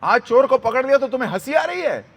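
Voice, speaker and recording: A man voicing an angry village woman who scolds loudly and indignantly in a devotional story. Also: fairly high pitch, animated, brisk. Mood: scolding, indignant.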